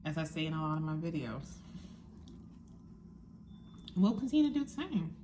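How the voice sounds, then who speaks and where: A woman's voice: deep voice, sing-song, normal speed, dark tone, slight background noise. A young woman chatting casually to her viewers, talking while she eats, frank and musing. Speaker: vlogger. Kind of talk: casual chat to camera.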